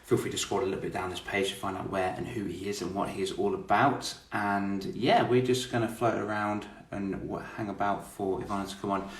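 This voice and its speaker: A man's voice: on the low side, fairly even intonation, a little fast, hardly any pauses, distant mic. An English man hosting an online interview, upbeat and chatty, often repeating his words. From England. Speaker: host. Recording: echoey room, away from the mic.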